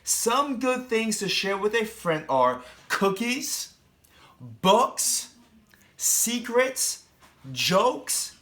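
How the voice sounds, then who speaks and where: This teacher's high voice swings widely in pitch and comes out bright and forceful as he reads a picture book very slowly to young children. Along the way he chats with them and poses questions right to them.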